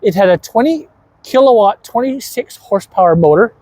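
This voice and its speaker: Brief: male co-host, relaxed and excited, explains exhibits while walking an indoor museum hall. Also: sits high, fairly quick. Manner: enthusiastic, rambling with many restarts. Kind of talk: casual chat touring a museum.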